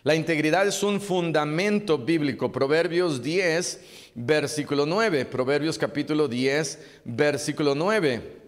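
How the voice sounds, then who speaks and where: A male pastor delivers an earnest sermon, exhorting his listeners and repeating key phrases to press his points home. His voice is a little high for a man and a little slow, ringing out with a long reverb through a church hall.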